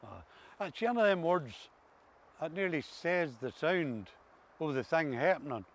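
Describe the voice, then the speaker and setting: Droll, folksy Ulster Scots man, slightly high-voiced. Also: big pitch swings, measured pace, slight background noise. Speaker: co-host discussing dialect words. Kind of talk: casual humorous chat.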